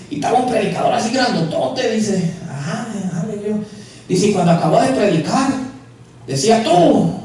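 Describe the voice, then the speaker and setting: A man preaching a sermon as pastor, telling a story with lively acted-out dialogue. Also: sits high, a little hiss or hum. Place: church sanctuary. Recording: echoey church hall, mic at a distance.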